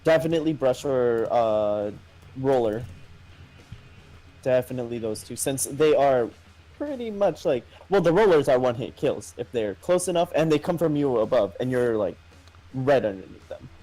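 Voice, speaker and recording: Relaxed male co-caster, warm low-key tone, casual filler-heavy talk. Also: moderate pace, soft background music, low-quality recording. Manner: laid-back, filler-heavy. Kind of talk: casual esports commentary.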